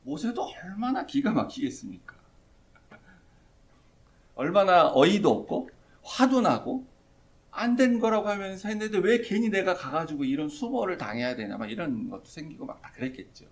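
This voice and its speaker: A middle-aged man preaching a sermon in a church, telling the story with lively delivery and acting out the quoted voices. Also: high voice, normal speed. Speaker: pastor. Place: church sanctuary.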